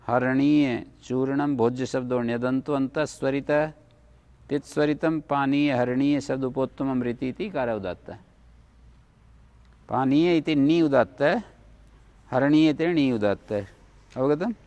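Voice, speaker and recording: In a classroom lecture on Sanskrit grammar, a man works through the rules one at a time and checks that his students are following. His voice is medium-pitched and a little mellow, with no echo.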